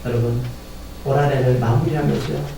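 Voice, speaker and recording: A male pastor delivering a Korean-language Sunday sermon, swinging between hushed pleading and shouted exclamations. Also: medium pitch, fairly even intonation, brisk, creaky. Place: church sanctuary in Texas. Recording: distant echoey church sanctuary with faint noise.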